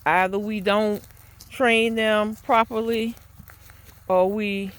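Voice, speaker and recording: A woman's voice: medium pitch, fairly even intonation, takes it slowly. A woman talking to the camera outdoors in a yard, earnest and exasperated, with a preachy tone and frequent restarts. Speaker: vlogger. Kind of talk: spoken outdoor vlog monologue. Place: outdoors in a rural yard or garden.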